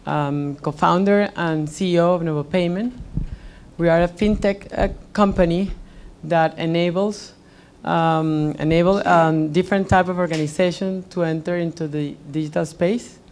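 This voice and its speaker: A woman from Venezuela introducing herself as a panelist, measured and full of fillers. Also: fairly low pitch, fairly even intonation, a little mellow, a little hiss or hum. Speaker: company founder, panelist. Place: meetup event stage.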